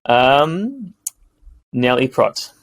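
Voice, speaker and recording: A man narrating a tabletop game as game master, in a lively, animated way. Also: mid-range voice, very slow, no room sound, low-quality recording.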